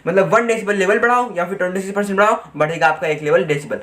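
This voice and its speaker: A man teaching a physics lesson online, chatting with students and reading textbook lines out slowly. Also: high-pitched, fairly bright tone. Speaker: physics tutor.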